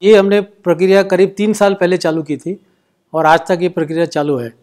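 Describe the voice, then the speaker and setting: A dairy official talks in a matter-of-fact way during an interview, his voice high for a man. Faint music sits behind him. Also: fairly even intonation, fairly quick, a little mellow.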